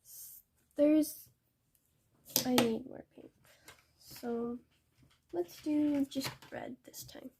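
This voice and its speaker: A young woman explaining paintbrushes in a painting tutorial, hesitant and halting, often correcting herself. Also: high voice, steady tone, a little mellow, a little hiss or hum. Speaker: art tutor.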